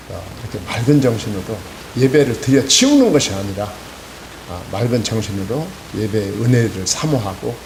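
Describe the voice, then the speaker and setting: A man in his sixties with a Chungcheong accent, preaching an evening sermon in a folksy storytelling way, with frequent affirming interjections. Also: lowish voice. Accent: Chungcheong Korean. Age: 60s. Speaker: pastor. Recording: echoey church hall with faint hiss.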